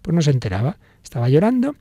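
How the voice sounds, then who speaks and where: Man, priest, warm mellow voice, dry close mic, expressive spiritual reflection. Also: a little high, fast, slightly rough, no room sound, lo-fi sound. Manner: expressive, acts out sighing voices in quotes. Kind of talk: spoken reflection on faith.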